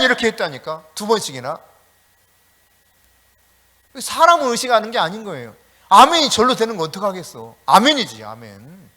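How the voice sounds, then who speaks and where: A middle-aged male pastor giving a sermon, animated and storytelling, talking directly to the congregation with chatty asides. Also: sits high. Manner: animated preaching with shouted calls.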